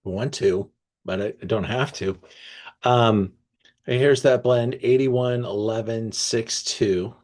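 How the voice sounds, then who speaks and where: A man hosting an online wine tasting, reading tasting notes aloud and breaking off to react with enthusiasm, often pausing with fillers and restarts. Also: mid-range voice, a little mellow. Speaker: wine merchant presenting a tasting.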